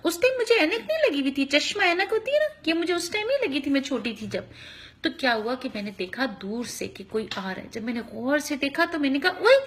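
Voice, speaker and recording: A woman, a mother, telling a story to her young children in an animated way, acting out sounds and asking them questions. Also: high voice.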